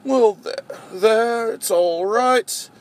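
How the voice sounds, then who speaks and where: An eccentric, curious traveller speaks gently, with a whimsical, softly amused lilt, as a man acts him out. His voice is soft and unhurried, a little higher than most men's, in a homemade storybook reading. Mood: gentle.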